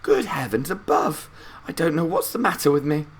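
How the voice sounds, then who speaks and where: Man acting an excitable, very old grandfather. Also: on the high side, normal speed, slightly rough, voice pushed up, exaggerated voice. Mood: surprised, eager. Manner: emphatic, exclamatory.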